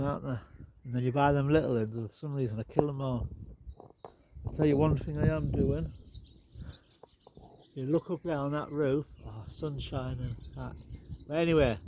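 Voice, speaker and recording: A man with a mellow, slightly stuffed-up voice wanders around his outdoor garden and chats in a rambling, easygoing way. The sound comes from a handheld phone, with faint birdsong and outdoor noise behind him. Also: medium pitch. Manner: chatty, rambling, relaxed asides. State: nasal, stuffed up. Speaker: garden vlogger. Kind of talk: casual walk-and-talk.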